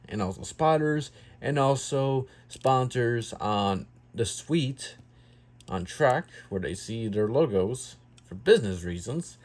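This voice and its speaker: Brief: male vlogger, mid-pitched, rambly and self-correcting, casual hobby review. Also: a little mellow. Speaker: YouTube diecast reviewer.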